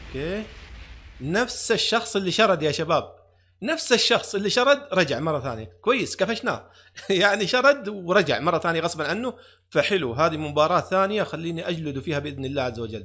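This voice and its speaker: A man giving excited live commentary on a fighting game, talking to his viewers and taunting his opponent. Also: a little high, slightly rough. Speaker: gaming YouTuber.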